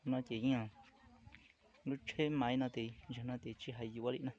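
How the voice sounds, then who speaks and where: A man's voice: mid-range voice, little pitch movement, normal speed, darkish tone. A man talking casually and loosely, rambling from one point to the next. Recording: muffled recording with crowd noise. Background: crowd chatter.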